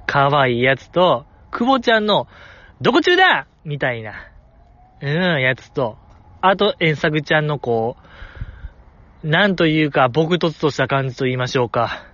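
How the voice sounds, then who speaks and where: This Kansai-accented man chats solo outdoors in chilly weather, critiquing voice acting and hamming up the quoted lines for fun. He speaks a little high at a measured pace, his tone fairly bright. There's no echo, but the sound is lo-fi.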